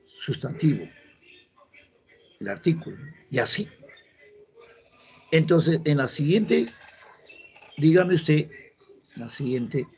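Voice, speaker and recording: Guy teaching grammar to a class, kinda high voice, keeps asking "right?". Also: husky. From Peru. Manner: explains step by step, asks the class checking questions. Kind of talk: grammar lesson.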